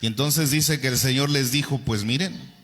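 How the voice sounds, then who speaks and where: A male pastor preaching a sermon with animated delivery, swinging between quiet and loud. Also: mid-range voice, fairly quick. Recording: long hall reverb.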